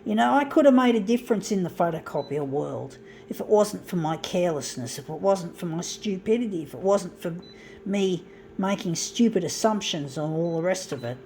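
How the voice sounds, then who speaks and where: A woman in her fifties, a vlogger, rambles through a self-deprecating monologue indoors in a room with a copier, getting more frustrated and swearing as she goes. Her voice is lowish, expressive and dark in tone, at a moderate pace. The recording is rough, with a little hiss or hum.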